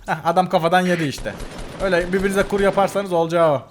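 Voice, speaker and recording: A man's voice: high-pitched, steady tone, racing, soft background music. A man commenting casually on funny game clips as the channel host. He laughs often, exclaims and repeats himself. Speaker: gaming video host.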